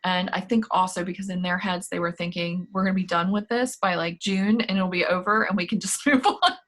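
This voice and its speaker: A woman's voice: lowish voice, fairly even intonation, brisk, a bit bright. A woman on staff hosting a virtual campus meeting in an upbeat, chatty, encouraging way over a video call. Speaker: student activities staff host. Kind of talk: casual virtual meeting talk.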